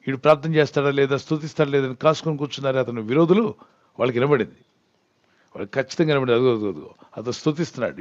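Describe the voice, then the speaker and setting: A man in the role of a pastor, teaching in an earnest way and asking questions that he answers himself. His voice sits at an ordinary middle pitch. The recording is dry and a little dull. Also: no echo. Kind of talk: Bible Q&A teaching.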